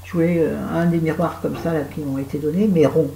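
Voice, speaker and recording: A woman's voice: low voice, steady tone, fairly quick, warm tone, slight background noise. A French woman with a cold and a sore throat, chatting to her viewers in a rambling, self-mocking vlog at home. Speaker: vlogger. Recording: echoey room.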